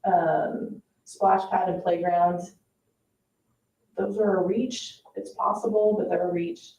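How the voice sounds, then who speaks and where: At an indoor board meeting, a woman from parks staff talks slowly in a dark, mid-range voice with fairly even intonation. She explains informally and hedges somewhat. A dull mic at a distance records the echoey room.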